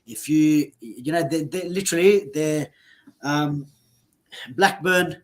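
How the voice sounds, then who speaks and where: A man from Australia co-hosting a casual football podcast, animated and mocking rival fans, laughing often. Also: on the high side, takes it slowly. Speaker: podcast co-host.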